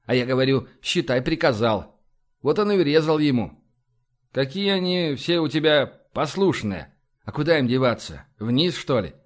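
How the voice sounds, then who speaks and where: A man's voice: mid-range voice, big pitch swings, normal speed, lightly acted. A man voicing a shrewd, sardonic male admiral in a sci-fi audiobook, dry and conspiratorial.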